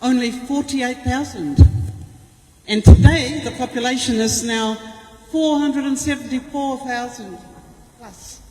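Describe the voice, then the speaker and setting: A woman's voice: high-pitched, a little mellow. Older New woman, echoing hall. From New Zealand. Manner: deliberate, emphatic, with repeated phrases. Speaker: presenter and activist. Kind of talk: impassioned public speech. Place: large echoing indoor venue. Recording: echoey hall with long reverb.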